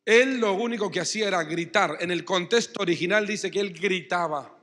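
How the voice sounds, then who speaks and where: A man's voice: high-pitched, brisk, fairly bright tone, in a large hall. A man preaching a sermon as pastor with an Argentine Spanish accent, acting out quotes and building emphasis. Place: church hall.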